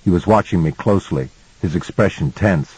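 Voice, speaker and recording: A male audiobook narrator telling a first-person story in a measured way. His voice sits very low with a husky edge. The recording is close and dry. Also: darkish tone, no room sound, low-quality recording.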